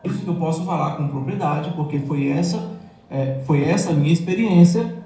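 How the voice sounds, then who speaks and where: A man recounting his own experiences in a measured, step-by-step way, heard from a played clip. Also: a little high, warm tone, faint music behind. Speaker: interviewee telling of his life abroad. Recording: echoey room, played clip.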